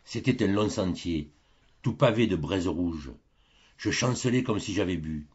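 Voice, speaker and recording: Un homme qui lit un conte classique en livre audio, de façon théâtrale et expressive. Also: male voice, sits low, unhurried, slightly rough, muffled recording. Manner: theatrical, varied intonation. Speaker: audiobook narrator. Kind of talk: expressive storytelling reading.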